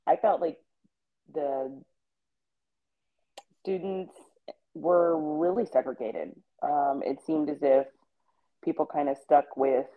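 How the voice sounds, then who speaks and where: Brief: woman interview host, measured and reflective, narrow phone-line audio. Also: rumbling low. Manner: reflective, measured, frequent "um" pauses. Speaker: podcast host, former college athlete. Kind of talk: conversational interview.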